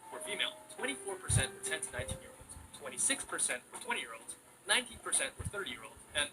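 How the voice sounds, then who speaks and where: A man's voice: a little high, big pitch swings, fast, background noise. A man narrating a documentary segment and reading out statistics. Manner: reads statistics, then reacts with surprise.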